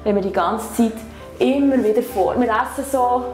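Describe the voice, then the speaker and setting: At normal speed and with a darkish tone, this fairly high-pitched Swiss-accented woman leads a learner through stretching and back exercises while faint music plays. She is patient and encouraging, often tagging her phrases with "oder?".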